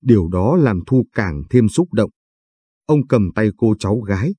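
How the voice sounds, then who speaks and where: A man narrating a late-night audio story in a calm, measured way. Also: lowish voice, breathy edge, dry recording.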